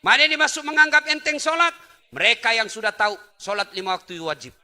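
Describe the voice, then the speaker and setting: A middle-aged man from Indonesia delivering a lively sermon, swinging between loud exclamations and soft asides. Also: extremely high pitch, fast. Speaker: preacher. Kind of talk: lively sermon to a live audience.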